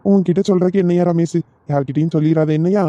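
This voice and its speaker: A man's voice: a little high, fairly even intonation, fast talker, dark tone, no echo, lightly acted. A man voicing a sheepish village husband who secretly eats eggs, in a cartoon. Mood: confiding. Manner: sheepish, pleading. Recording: dull lo-fi recording.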